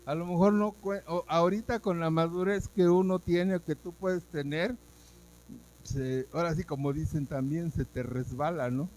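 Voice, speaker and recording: During a church service, a pastor tells his personal testimony with strong feeling, dramatizing lines he spoke in the past. His voice is fairly high and darkish, his pace normal, and the audio rough.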